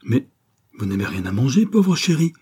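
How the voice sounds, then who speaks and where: A man reading a novel aloud, voicing a refined young woman who gently scolds and pleads with her fiancé. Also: fairly low pitch, moderate pace, slightly rough. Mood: playful. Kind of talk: audiobook character reading.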